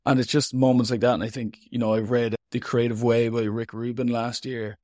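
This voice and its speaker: A man's voice: medium pitch, flat delivery, a little fast, darkish tone, no echo, clean studio sound. A man with an Irish accent giving an interview as a writer, talking in an informal, rambling, reflective and self-deprecating way. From Ireland. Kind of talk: casual, reflective interview talk.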